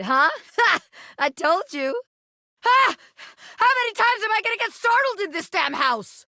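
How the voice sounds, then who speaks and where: Bright, swaggering wannabe crime boss Bobby Pin. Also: female voice, high-pitched, dry recording, clean studio sound, full character voice. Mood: cocky showing off. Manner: streetwise, swaggering, slangy tough talk. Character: scrappy living bobby pin, brash wannabe crime boss with showbiz dreams. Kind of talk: video game character dialogue.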